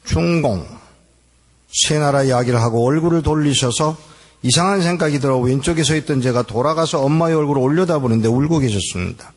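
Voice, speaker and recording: Older Korean pastor preaching in an echoing hall. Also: male voice, fairly high pitch, husky. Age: 60s. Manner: dramatic storytelling, acting out remembered dialogue. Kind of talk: sermon with personal testimony. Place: large hall at a church gathering. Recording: echoey hall with long reverb.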